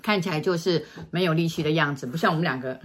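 A middle-aged woman, telling a story in casual chat and acting out quoted lines in a hushed voice. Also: low-pitched, fast talker. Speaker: feng shui consultant telling stories.

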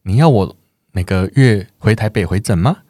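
A man's voice: fairly low pitch, moderate pace, slightly rough, no room sound, studio quality. A man, a podcast guest telling stories in casual chat and acting out the back-and-forth. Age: 30s. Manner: animated storytelling, acts out quoted exchanges.

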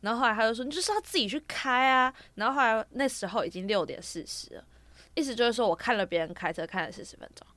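A woman's voice: mid-range voice, animated, very fast, a bit bright, dry recording. A young woman, telling a long story on a casual podcast, rambling from clause to clause with fillers. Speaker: podcast co-host.

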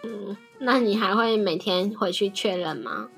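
A woman's voice: medium pitch, measured pace, soft background music. A woman with a Taiwanese Mandarin accent, co-hosting a podcast, reacting and asking playful questions. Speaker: podcast co-host. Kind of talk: casual chat.

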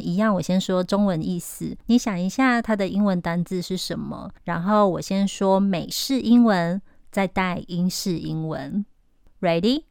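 A young woman hosts a podcast English lesson and drills vocabulary word by word. Her delivery is slow and deliberate, and her voice comes through smooth and clear. The close mic sounds dry. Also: mid-range voice, dry recording. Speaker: English teacher, podcast host.

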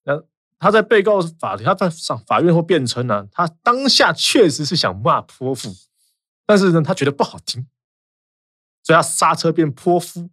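A man with a Taiwanese Mandarin accent, a lawyer explaining legal cases in casual podcast chat, animated and quick with examples. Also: on the high side, no room sound, studio quality.

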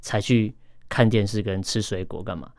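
A man's voice: lowish voice, steady tone, moderate pace, darkish tone, dry recording, studio quality. A man in his thirties with a Taiwanese Mandarin accent, a guest chatting casually and telling stories. He repeats words and stumbles when he gets going. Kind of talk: casual storytelling chat.

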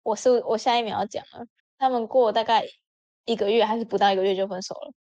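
A woman telling a story in a casual chat with lots of expression, jumping up in pitch when she voices her friends. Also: quick pace. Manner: animated, acts out friends' lines with sudden pitch jumps. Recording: dull lo-fi audio.

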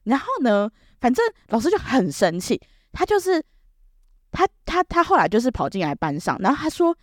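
A young woman telling a comic story about herself to camera, animated and self-mocking, full of quick restarts. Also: on the high side, no room sound, clean studio sound. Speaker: vlogger.

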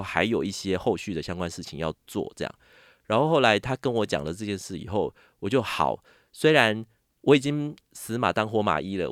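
A man with a Taiwanese Mandarin accent, a podcast guest telling a story in casual chat. He is animated and acts out other people's lines with sudden jumps in pitch. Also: dry recording, studio quality.

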